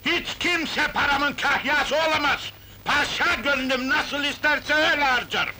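An actor playing a carefree, defiant wealthy old father who laughs loudly and talks theatrically in a 1970s film. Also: high-pitched, measured pace, background noise. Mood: boisterous.

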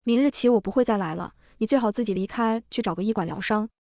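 A woman reads out a fantasy novel recap at a rapid clip, her voice sitting a little high. She keeps an even, brisk storytelling tone and touches the characters' lines only lightly. The sound is dry and close. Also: dry recording. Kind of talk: fast scripted storytelling narration.

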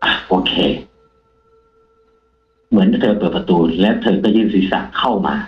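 A man, a taxi driver, telling a ghost story in a casual, animated way on a live show. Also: lowish voice, moderate pace, reverberant, highs cut off, faint music behind. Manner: animated, acts out the quoted lines himself.

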